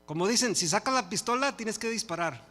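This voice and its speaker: An older man preaching a sermon in Spanish and then praying, talking to the congregation with passion, swinging between loud peaks and quiet asides. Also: high-pitched, expressive, brisk. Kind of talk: Spanish-language sermon and prayer. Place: church hall. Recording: long hall reverb with faint music.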